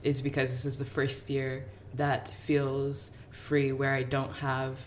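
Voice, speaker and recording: A woman's voice: a bass voice, monotone, slow pace. Young woman chatting over noticeable background noise. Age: young adult. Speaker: podcast guest. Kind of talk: casual conversation.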